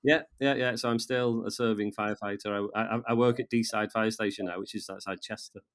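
This fifty-something interview guest speaks with a North Welsh accent, hesitating, repeating himself and restarting sentences in a relaxed conversation. His pitch is fairly low and his intonation fairly even.

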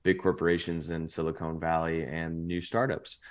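A young man in his twenties, guesting on a podcast, tells stories in a loose, rambling manner packed with "like" fillers during a casual chat. His voice sits low with little pitch movement, at normal speed.

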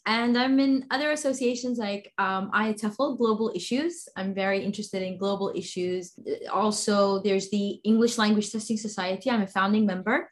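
A woman's voice: medium pitch, fairly even intonation, fairly quick, hardly any pauses. A woman from Sudan, a guest in an interview, talking enthusiastically with many fillers and restarts. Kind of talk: interview conversation.

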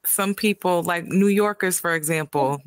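A woman's voice: fairly low pitch, moderate pace, no room sound. A woman who is a student doctor, interviewing a guest in a casual, affirming and conversational way.

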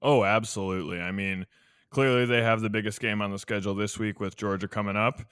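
A man's voice: on the low side, fairly even intonation, quick pace, a bit bright, clear, resonant tone, dry recording, studio quality. A man co-hosting a sports podcast, giving confident, assertive opinions in casual talk. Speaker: podcast co-host.

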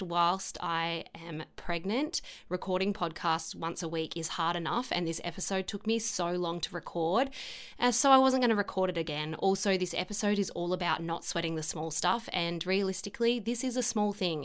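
A woman's voice: on the low side, clear, resonant tone. A woman hosting a self-help podcast, speaking in an earnest, encouraging and conversational way. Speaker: podcast host.

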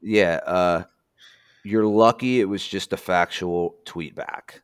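A man with a lowish voice tells a rambling anecdote on a casual podcast, cursing freely and getting animated as he goes. The sound is dry, with no room echo. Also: takes it slowly, clean tone. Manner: profane, animated storytelling.

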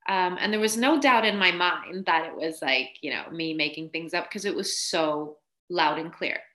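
A woman's voice: fairly low pitch, normal speed, bright, forceful tone. A woman guest on a podcast interview, telling her story in a chatty way, laughing often and filling with "like". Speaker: podcast guest, spiritual coach.

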